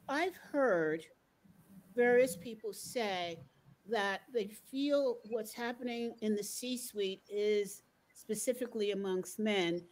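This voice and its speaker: A woman interviewer asking thoughtful questions in a measured way. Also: medium pitch.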